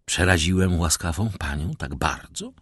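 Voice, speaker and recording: A man voicing a mysterious nobleman who speaks in a measured, theatrical way. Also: low-pitched, lively intonation, fairly bright tone, slightly rough, no echo, clean studio sound, full character voice. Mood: ominous. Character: suave, mysterious middle-aged count, theatrical storyteller.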